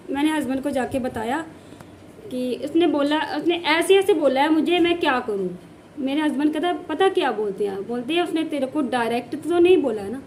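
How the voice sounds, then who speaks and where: A high-pitched woman from the Jammu region tells a family story on her home vlog. She talks in a casual way and says things twice to drive them home. A faint hiss sits under her voice. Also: darkish tone. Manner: emphatic, repeats phrases for stress. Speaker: village housewife vlogger.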